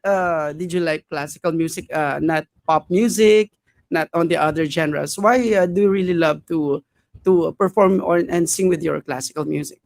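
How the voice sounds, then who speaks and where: A man hosting a live online interview show, speaking haltingly with many fillers and warm praise for his guest. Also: a little high, steady tone, gravelly, dry recording. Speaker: host.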